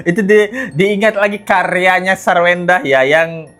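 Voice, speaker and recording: Here is a gossip vlogger talking straight to viewers at a medium pitch, easy and conversational, quick to tease and to laugh. Soft music runs underneath the voice the whole time. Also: lively intonation. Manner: chatty, teasing, laughs often. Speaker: gossip commentary host. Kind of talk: casual celebrity gossip commentary. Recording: light background music.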